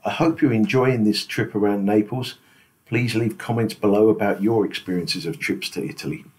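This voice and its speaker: A man narrating his travel vlog in a scripted voice-over, measured and unhurried. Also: fairly low pitch, a little mellow. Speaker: travel vlogger.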